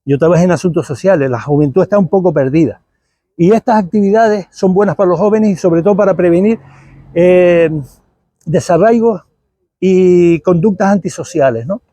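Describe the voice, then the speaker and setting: A man's voice: sits high, moderate pace, warm tone, no echo. A man in his sixties with a Canarian Spanish accent, giving a rambling, conversational talk at a tribute event. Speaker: invited speaker at a tribute event. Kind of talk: public talk.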